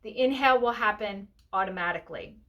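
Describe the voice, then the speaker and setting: A woman's voice: mid-range voice, fast talker, pushed and bright. A woman yoga instructor giving a step-by-step spoken breathing lesson, explaining instructively with casual check-ins.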